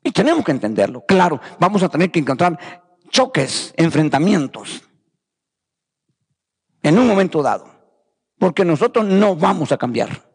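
A man's voice: a little high, very animated, normal speed, long pauses, husky, big-room sound. A man preaching a fervent sermon, repeating phrases and calling his listeners brothers. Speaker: pastor.

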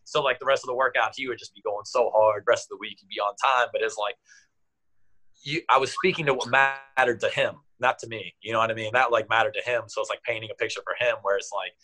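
A man in his thirties tells coaching stories in a relaxed interview. His voice sits fairly low and jumps up sharply whenever he acts out a conversation. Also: quick pace, poor audio. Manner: animated, acts out quotes with raised voice. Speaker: athletic trainer, guest. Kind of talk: casual interview storytelling.

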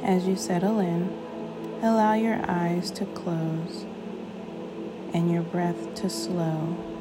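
A woman guides a sleep meditation like a sleep story narrator, soothing and unhurried, with long pauses between short phrases. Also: lowish voice, level tone. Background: music.

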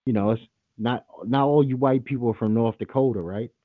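A man's voice: mid-range voice, brisk, dry recording, narrow, tinny audio. Blunt, profane male call-in host. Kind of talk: casual call-in radio talk.

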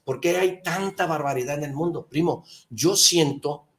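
A man's voice: on the high side, moderate pace. A man, a speaker who gives conferences, talking in a casual faith discussion and retelling a joke in folksy voices.

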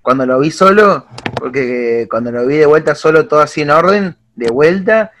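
A young man with an Argentine accent, chatting casually and retelling scenes with excitement and slang. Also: fairly high pitch, moderate pace, a little hiss or hum. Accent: Argentine Spanish. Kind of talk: casual chat.

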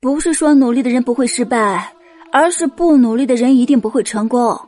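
A woman's voice: on the high side, fairly quick, dark tone, close to an everyday voice. A woman voicing a young woman victim, scolding with tears in an audio drama. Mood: calm. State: crying. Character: young woman victim, tearful and sharp-tongued.

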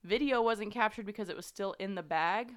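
Smooth-voiced woman telling a true-crime story. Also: medium pitch, brisk. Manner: conversational, many fillers, earnest. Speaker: podcast host.

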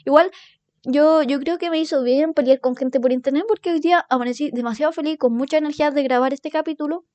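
A young woman in her twenties with a Chilean accent, telling stories in a casual, animated monologue and swearing freely. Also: sits high, fast talker, dry recording. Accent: Chilean Spanish. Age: 20s. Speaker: podcast host.

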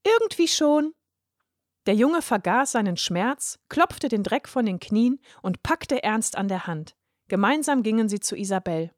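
A woman narrating a children's story with a clear, even read-aloud delivery. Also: medium pitch, measured pace, no room sound, studio quality.

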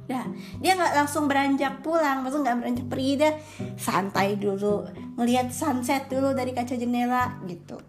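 Young woman rambling thru a story, corrects herself a lot, high voice, music going behind. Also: moderate pace. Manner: chatty, rambling, self-correcting. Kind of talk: casual storytelling. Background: background music.

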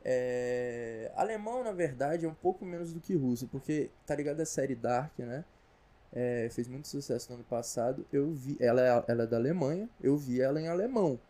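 A man's voice: medium pitch, fairly quick, mellow. A Brazilian man rambling through a comedic casual monologue, slangy and full of asides. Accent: Brazilian Portuguese. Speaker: vlogger.

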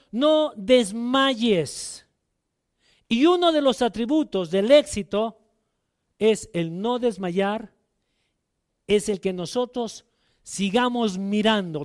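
A man preaching a sermon as pastor, telling a personal story and putting direct questions to the congregation, loud one moment and quiet the next. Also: clean tone. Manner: emotional storytelling, swings between loud exhortation and quiet low asides.

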